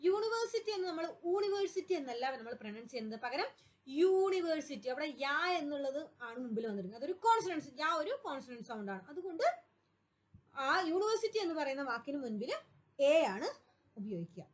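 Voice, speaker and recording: A woman's voice: high voice, sing-song, fast talker. A woman with a Malayali accent teaching English grammar for an exam class, patiently repeating points and answering her own questions. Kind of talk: explanatory exam-prep lesson.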